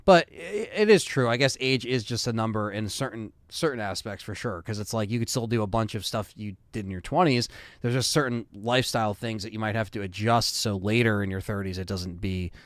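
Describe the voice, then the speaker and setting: A man's voice: on the low side, a little fast, dry recording, studio quality. A man in his thirties hosting a live stream, chatting casually and reading viewer comments with loose fillers. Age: 30s.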